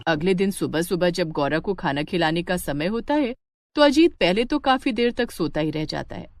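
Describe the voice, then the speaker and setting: A woman narrating a moral story in an expressive, dramatic way. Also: lowish voice, moderate pace, a little hiss or hum.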